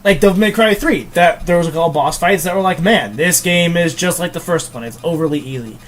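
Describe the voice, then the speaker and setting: A man's voice: a little high, fairly quick. A man reviewing a video game in casual chat, rambling with many hesitations and casual swearing.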